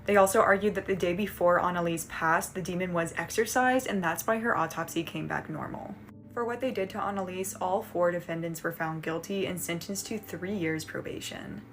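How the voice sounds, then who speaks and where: A woman's voice: lowish voice, fairly quick. A woman reading a scripted true-story narration, with a conversational touch.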